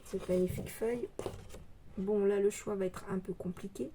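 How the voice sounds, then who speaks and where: A woman vlogger chatting casually about scrapbooking papers, hesitant with many fillers, pausing to read labels aloud slowly. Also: medium pitch, fairly even intonation, warm tone, a little hiss or hum. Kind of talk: casual show-and-tell haul. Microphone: phone.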